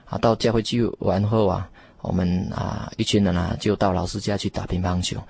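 A young man, a theology student, telling his testimony emphatically in a radio interview, with many drawn-out fillers. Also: low-pitched, fairly even intonation, creaky, a little mellow, breathy edge. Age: young adult.

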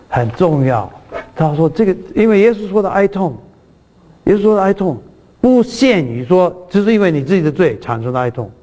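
Middle-aged pastor guy, earnest, repeats himself, kinda high voice. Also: dark tone. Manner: earnest, repeats words, halting restarts. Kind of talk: sermon lesson.

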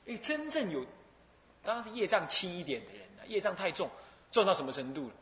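A man's voice: high-pitched, quick pace, roomy sound. A man, an abbot giving a Buddhist sermon, acting out dialogue and laughing as he tells stories. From Taiwan. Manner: animated storytelling, acts out dialogue, laughs often.

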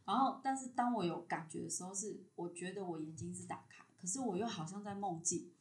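A woman's voice: medium pitch, fairly quick, echoey room. A woman telling a personal story in casual chat, acting out the lines of people in it. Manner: animated, acts out dialogue in her story. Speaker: podcast guest.

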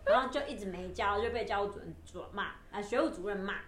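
Fast, bright-voiced young woman telling school stories. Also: mid-range voice, roomy sound, a little hiss or hum. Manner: animated storyteller, acts out quotes, laughs often. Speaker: former student reminiscing. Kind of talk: casual chat.

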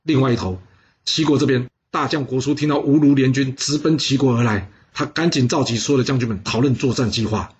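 A man telling a historical story in a lively, chatty way, with comic asides. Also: mid-range voice, brisk, highs cut off, slight background noise. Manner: animated, chatty.

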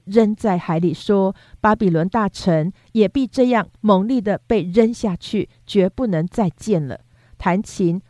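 A woman reading scripture aloud in a steady, measured, unhurried way. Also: medium pitch, no echo. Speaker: scripture reader.

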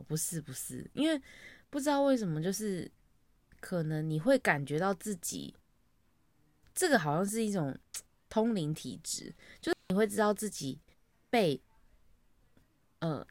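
A woman's voice: on the low side, fairly bright tone, dry recording. A young woman, chatting casually and acting out her own greetings as she tells an office story. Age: young adult. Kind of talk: casual chat.

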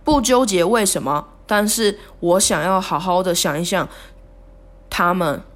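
A woman talks alone on her podcast. Her reflective monologue is halting and remorseful, and she often stops and restarts her sentences. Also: on the low side. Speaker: podcast host.

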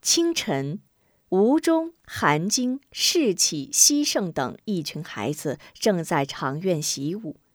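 A woman storyteller reading a martial-arts tale in an expressive way. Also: on the low side, slow pace, no room sound, clean studio sound. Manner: expressive, acts out characters.

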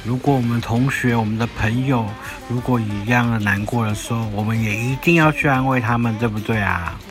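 A man's voice: medium pitch, brisk. A man hosting a bedtime story show for children, coaxing and asking the kids questions. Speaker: storyteller host. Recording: music behind.

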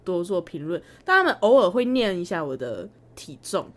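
Animated young woman telling stories. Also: fairly low pitch, normal speed. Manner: animated storytelling, mimics parents, laughs often. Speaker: podcast co-host. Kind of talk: casual chat.

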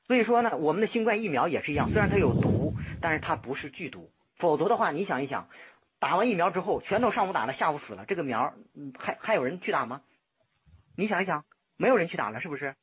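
A man's voice: a little high, big pitch swings, fast. Insistent man lecturing over a landline phone. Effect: heard over a landline phone line. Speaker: caller seeking help. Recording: tinny phone line, husky.

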